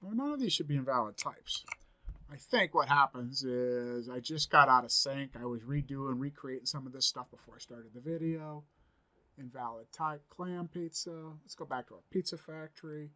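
A man's voice: medium pitch, normal speed, sharp tone. A man in his forties giving a screen-recorded coding tutorial from a home office, thinking aloud as he types, upbeat and chatty. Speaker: programming instructor.

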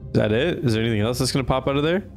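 A man streaming a horror game live, reacting excitedly and laughing often. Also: mid-range voice, very fast, creaky, music in the background. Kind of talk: live gaming commentary.

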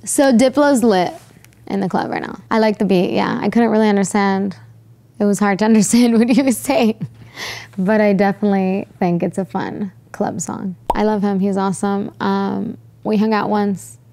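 A bubbly young American woman talks casually about music on a lapel mic in a studio. Her voice sits at an ordinary middle pitch, and she chats freely with plenty of filler words. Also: steady tone, moderate pace, creaky, mellow. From United States. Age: young adult. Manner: bubbly, chatty, laughs often, many fillers. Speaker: guest pop singer. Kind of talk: casual interview reactions. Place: studio with green and purple backdrop.

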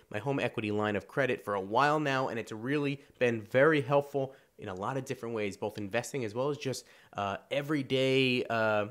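A man talks through home finance in a relaxed, conversational way, his voice a bit nasal and stuffy from a cold. He repeats points, trips over words and restarts sentences as he goes. His pitch sits at an ordinary middle level for a man. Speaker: finance video host. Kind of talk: casual explainer to camera.

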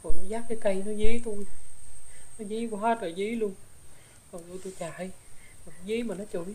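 A woman's voice: medium pitch, mellow, slight background noise, natural voice. A woman with a Southern Vietnamese accent voicing the ghost of a young woman, a gossip who now regrets her deeds, rambling through her story with filler particles. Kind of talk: spirit possession drama.

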